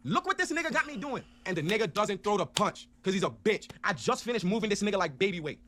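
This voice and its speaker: A man's voice: high-pitched, fast. A man telling a story in a casual, profane rant, acting out each side of an argument. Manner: animated, profane, acts out both sides of an argument.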